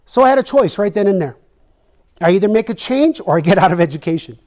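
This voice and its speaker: A man's voice: high-pitched, lively intonation, fast, a little mellow. A middle-aged man from Texas, an educator telling a personal story in a presentation, earnest and emotional, repeating phrases for emphasis.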